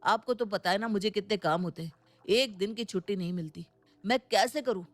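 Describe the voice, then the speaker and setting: A woman's voice: medium pitch, a little fast, lightly acted. A woman voicing a busy young husband who defends himself in an exasperated, complaining way in an audio storybook.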